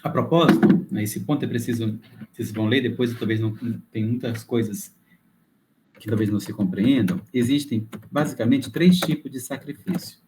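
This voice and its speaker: A man lecturing to a class, explaining things step by step. He thinks aloud, backs up and restarts phrases, and checks in with his listeners as he goes. His voice sits at an ordinary middle pitch for a man. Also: normal speed, background noise.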